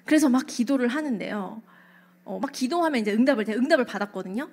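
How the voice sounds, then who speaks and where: A pastor's wife giving a testimony in a church worship service, telling her story in a lively way and acting out the voices in her head. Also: a little high, fast talker, husky.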